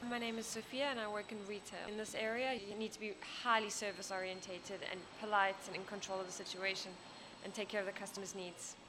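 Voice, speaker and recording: A woman with a South African accent answers a street interview about her retail work. She speaks politely and considers her words. Street noise is clearly heard behind her. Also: mid-range voice, level tone, fast. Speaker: retail worker.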